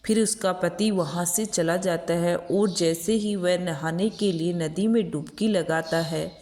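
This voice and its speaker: A woman telling a devotional folk tale in a slow, deliberate way. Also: on the low side, a little mellow. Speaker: storyteller.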